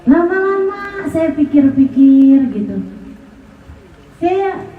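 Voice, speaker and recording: A woman's voice: very high-pitched, slow pace, slight background noise. A woman preacher giving a sermon, telling her own stories and acting out the dialogue with her husband. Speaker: ustazah, Islamic preacher. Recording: echoey distant mic, lo-fi phone-like sound.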